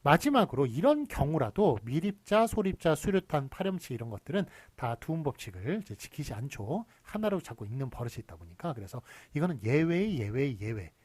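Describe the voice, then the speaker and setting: Man, middle-aged lecturer, husky voice, very lively pitch, dry close sound, patient step-by-step explaining. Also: fairly quick, few pauses, no room sound. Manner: explains rules step by step with frequent "예" fillers. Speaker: university lecturer. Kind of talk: recorded spelling lecture.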